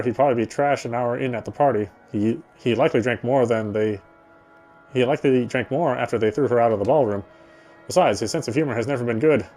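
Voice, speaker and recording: A man with a mid-range, darkish voice reads first-person visual novel narration conversationally, occasionally stumbling and repeating himself.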